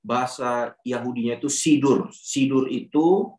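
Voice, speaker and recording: A man's voice: medium pitch, unhurried, a little mellow. A man giving a conversational Bible teaching to a youth group, often asking rhetorical questions. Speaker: youth ministry speaker. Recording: roomy echo.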